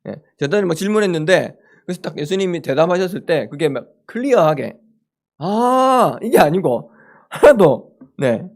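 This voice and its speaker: Male campus preacher, high animated delivery, playful with the room, brings scripture scenes to life. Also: normal speed. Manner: animated, acts out the disciples' questions in lively voices; jokes with the audience. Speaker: campus ministry speaker. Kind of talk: chapel sermon. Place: chapel room with a live audience.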